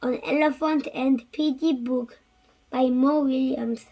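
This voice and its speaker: A reader slowly reading a picture book aloud, acting out sneezes, with a gravelly edge. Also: female voice, sits high, fairly even intonation, warm tone, slight background noise, low-quality recording. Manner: slow, careful reading with sneezing sounds. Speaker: storybook reader.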